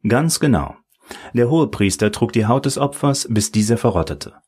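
A man's voice: medium pitch, sing-song, moderate pace, darkish tone, husky. Man voicing a dry, sardonic old professor. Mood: lecturing. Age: older. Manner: dry, mocking.

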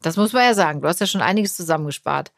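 A woman's voice: lowish voice, animated, racing, vocal fry, no room sound, clean studio sound. A middle-aged woman hosting a family podcast in casual chat, teasing and joking with a lot of laughter. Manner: teasing, jokey, laughs often. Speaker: podcast host.

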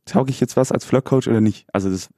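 Deadpan young man, lots of fillers. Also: mid-range voice, fast, no echo, studio quality.

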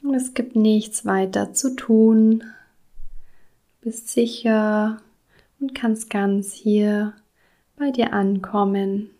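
A woman guiding a body scan meditation, speaking softly and soothingly, with some words in a breathy whisper. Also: medium pitch, fairly even intonation, slow pace, long pauses. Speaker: meditation guide.

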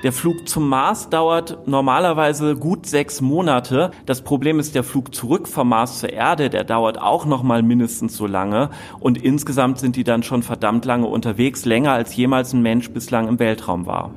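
A man's voice: medium pitch, normal speed, hardly any pauses. A male expert with a mid-range voice explains things to children in simple, informal terms. He is patient and plain-spoken, with faint noise in the background. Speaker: astronomy expert, interview guest.

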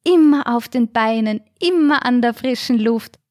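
A woman voicing a cheerful elderly former ballerina with a high, fluttery voice. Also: a little slow, darkish tone, no room sound, studio quality, close to an everyday voice.

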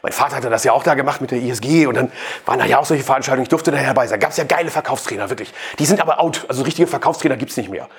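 A man's voice: mid-range voice, very fast, breathy edge. A man giving a live sales talk, questioning the audience and provoking them. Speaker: sales speaker.

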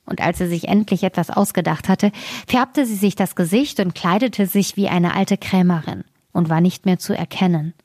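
A woman storyteller reading a fairy tale aloud in a calm, measured way. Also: lowish voice, no room sound, studio quality.

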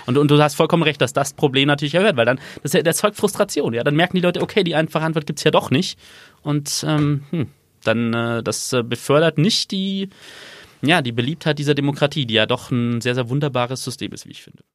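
A man as a podcast guest, explaining complex issues in a rambling, animated way. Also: on the high side, brisk, no echo. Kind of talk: casual explanatory conversation.

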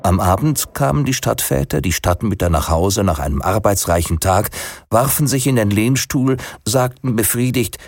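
A man's voice: moderate pace, vocal fry, no room sound. A man reading a literary story aloud, lifting his voice for the quoted lines. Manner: lively, raises pitch for quoted speech. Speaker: narrator.

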